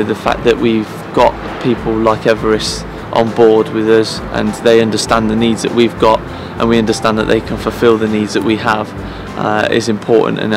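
This is a man in his thirties who works as head groundsman, recorded outdoors beside the pitch of an empty stadium for a promotional interview. His earnest speech has a creaky quality and is broken by frequent pauses, fillers and restarts.

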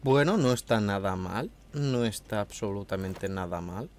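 This gameplay commentator is at home in a room, nursing a cold that leaves his throat a little hoarse. He chats casually and swears, speaking at a moderate pace in a fairly low, expressive, slightly mellow voice. There's a bit of background noise.

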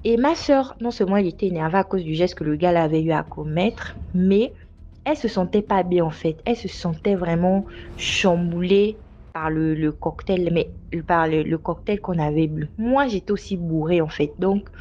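Young woman telling a personal story. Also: normal speed. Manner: lively, acts out quoted voices with big pitch jumps. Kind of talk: casual first-person storytelling. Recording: slightly dull lo-fi sound.

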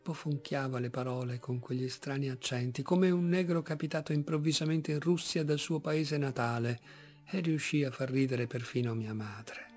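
A man reading a literary story aloud as an audiobook, measured and expressive. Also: medium pitch, soft background music. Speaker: audiobook reader.

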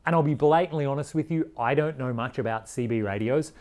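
In a casual vlog, a plain-spoken Australian overland traveller in his forties explains things frankly, speaking a little fast in a mid-range, darkish voice. He appears both in a workshop garage and seated inside a vehicle.

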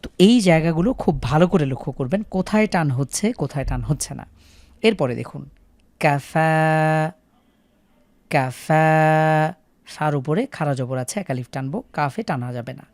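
A man's voice: fairly high pitch, animated, brisk, darkish tone, no echo. A man with a Bangladeshi Bengali accent teaching a Quran recitation class, patiently repeating questions and drilling syllables.

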